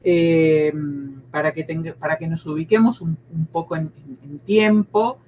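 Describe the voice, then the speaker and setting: A history teacher in her sixties from Buenos Aires province, Argentina, speaks Argentine Spanish as a guest in a conversational interview, recalling her schooling. Her low, steady, darkish voice is hesitant, with many fillers, pauses and restarts. The sound is lo-fi with a little hiss or hum.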